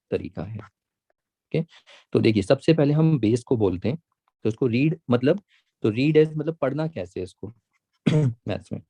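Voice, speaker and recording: A patient male math teacher explains step by step in a mellow, dark voice. He repeats each point and draws the key words out slowly. The sound is dry and close. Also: medium pitch, no room sound. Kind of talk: classroom lesson, mixing Hindi and English.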